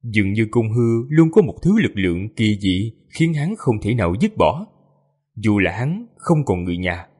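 Man, audiobook narrator, lively intonation, husky tone, storytelling. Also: lowish voice, moderate pace.

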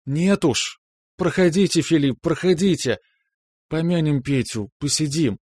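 A man's voice: fairly high pitch, expressive, unhurried, a little mellow, slightly rough, no room sound, voice pushed up. A man voicing a tender, caring older mother, raising his voice for her in an audiobook. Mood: insistent.

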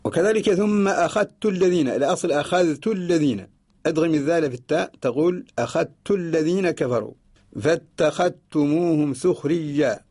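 A man from Mauritania giving a radio lesson, explaining slowly and repeating each example before chanting short verses. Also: fairly high pitch, a little mellow, breathy edge. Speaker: teacher of Quran orthography. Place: radio studio.

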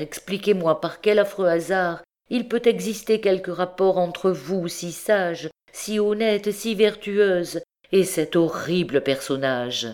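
A woman's voice: lowish voice, darkish tone. A woman reading the lines of an anguished young man pleading with his mother, in an audiobook. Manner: pleading, intense.

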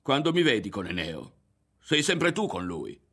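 A man's voice: on the low side, sing-song, measured pace, fairly bright tone, husky, full character voice. A man reading an audiobook, voicing a defensive, proud teenage boy who protests indignantly.

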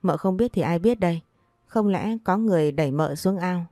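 A woman's voice: fairly low pitch, normal speed, warm tone, no room sound, studio quality, close to an everyday voice. A woman doing a cold, curt young master. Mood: indignant. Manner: curt and commanding. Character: cold stern young master, a male doctor.

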